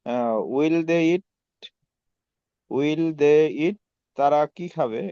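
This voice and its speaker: A male student reads practice sentences slowly and haltingly, repeating each one. His voice sits a little high. The audio is dull and lo-fi, and the sound is dry. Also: dark tone, smooth, no room sound. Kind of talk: reading practice sentences aloud.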